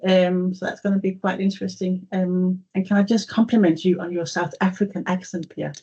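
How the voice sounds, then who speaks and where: A woman's voice: lowish voice, little pitch movement, a little fast, mellow, breathy edge. A woman from a communication group giving a friendly, chatty update in an online meeting. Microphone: video call. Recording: muffled video call audio.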